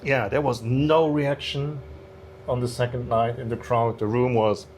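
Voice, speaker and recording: A man's voice: mid-range voice, steady tone, a little slow, darkish tone, a little hiss or hum. A man, a stand-up comedian guest, telling stories in a casual interview, hesitant with many restarts. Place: bar cellar.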